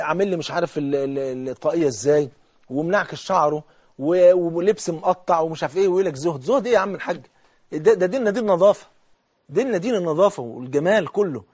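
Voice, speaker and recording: A man with an Egyptian accent preaching a colloquial sermon, animated, swinging between hushed and loud as he acts out dialogue. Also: a little high. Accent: Egyptian Arabic.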